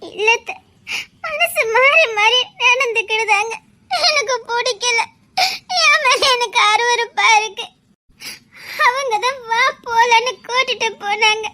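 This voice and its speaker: A woman's voice: very high-pitched, steady tone, a little slow, pushed and bright, full character voice. A woman playing a tearful young wife who feels betrayed, sobbing and pleading with a Tirunelveli accent. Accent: Tirunelveli Tamil. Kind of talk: web series drama acting.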